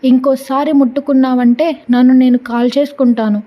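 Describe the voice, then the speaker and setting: A woman's voice: high voice, flat delivery, fairly quick, lo-fi sound. A woman voicing a fierce, stubborn wife who speaks angrily and defiantly in a storybook reading. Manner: angry and defiant.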